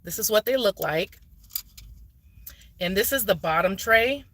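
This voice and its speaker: This vlogger answers questions in a relaxed, explanatory livestream, talking straight to viewers from her parked car on a phone that is handheld or propped close by. Her medium-pitched voice is expressive and fairly bright, a little slow, with slight background noise.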